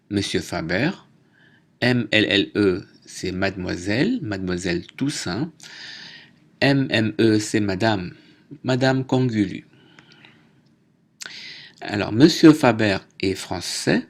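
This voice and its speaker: A man teaching a French lesson, slowly reading word pairs aloud, spelling out endings and correcting himself. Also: lowish voice. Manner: deliberate, spells out and repeats words; self-corrects mid-list. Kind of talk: slow, careful language lesson.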